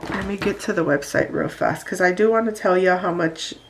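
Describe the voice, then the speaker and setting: Sounding congested and nasal because of allergies, a woman briskly unboxes nail products in a chatty beauty vlog aimed straight at her viewers. Her voice is lowish, and heavy background noise runs underneath.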